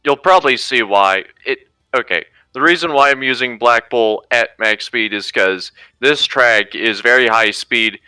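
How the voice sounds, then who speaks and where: A man's voice: mid-range voice, measured pace, pushed and bright, smooth, no echo, low-quality recording. A man commentating casually on a stream, explaining his gameplay as he plays. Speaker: player showing a track on stream.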